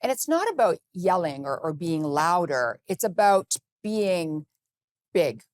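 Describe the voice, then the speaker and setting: A woman's voice: fairly low pitch, big pitch swings, unhurried, no room sound, studio quality. A woman hosting a talk show, interviewing her guest in an affirming, conversational way.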